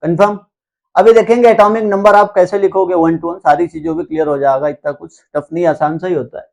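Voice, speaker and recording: High-voiced man drilling chemistry mnemonics. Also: fairly even intonation, gravelly, a little mellow. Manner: repeats rhetorical questions and drills mnemonics slowly; addresses students informally and reassuringly. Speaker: chemistry teacher. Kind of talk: classroom lecture with memory tricks.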